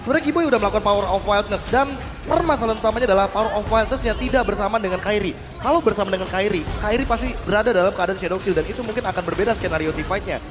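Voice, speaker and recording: An Indonesian man works as an analyst caster on a live esports match. He talks extremely fast in a high voice, with music behind him.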